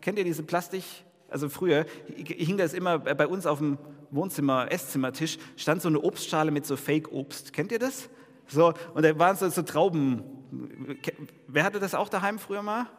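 Male pastor, conversational sermon delivery, slightly high voice, echoing church hall. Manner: lively, conversational preaching with audience questions.

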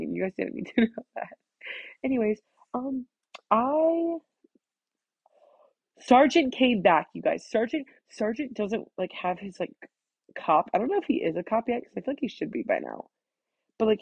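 A teenage girl with a nasal voice, rambling fast through a casual solo vlog, full of "like". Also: medium pitch, gravelly, darkish tone, slightly rough, no room sound, highs cut off. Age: teens. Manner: fast-talking, scattered, full of "like". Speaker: student vlogger.

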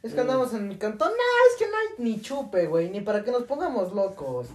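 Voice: medium pitch, big pitch swings, brisk, darkish tone. A Mexican speaker in casual, slang-heavy banter with friends, swearing freely and teasing crudely. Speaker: prank-call podcast host.

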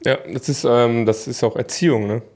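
A young man co-hosts a casual podcast, joking around in a laid-back way and often trailing off mid-sentence. His voice is medium in pitch, steady, and a little mellow, and he talks fairly quickly.

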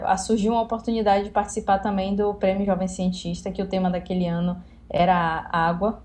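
A woman's voice: fairly low pitch, dark tone. A woman, earnestly telling her story as an interview guest. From Salvador, Bahia, Brazil. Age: 20s. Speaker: guest, young scientist. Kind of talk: interview answer.

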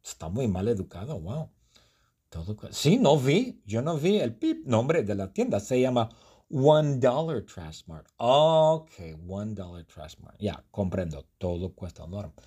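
A bumbling, easily indignant storybook fellow, played by a man telling his own tale. His delivery is unhurried and swoops up and down in pitch. His tone is mellow and slightly husky. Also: big pitch swings. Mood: playful. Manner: first-person storytelling, exaggerated indignation.

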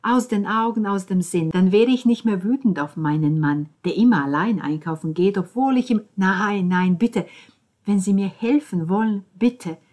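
Audiobook: woman narrator doing flustered neighbor lady, eager, breathy, rushed. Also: medium pitch, a little mellow, pitched above the performer's own voice, lightly acted. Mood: flustered, pleading. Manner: breathless, quick and pleading. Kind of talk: audiobook character voice.

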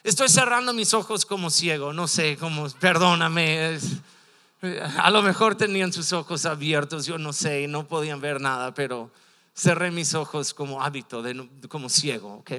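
A man's voice: on the high side, moderate pace, sharp tone, long reverb tail. A man preaching a sermon as pastor, impassioned, acting out the voices of people from stories he tells.

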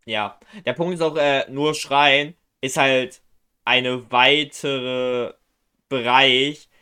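A young man chatting loosely and excitably with a friend, dropping slang. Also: mid-range voice, drawn-out words, clean tone. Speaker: co-host. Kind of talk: casual chat.

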